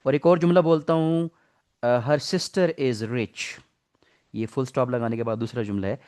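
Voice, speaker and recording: This English teacher is a middle-aged man whose Pakistani Urdu accent comes through as he lectures online, walking students through grammar with patience and quizzing them. He speaks at a steady medium pitch, a bit slowly, with a somewhat dark tone.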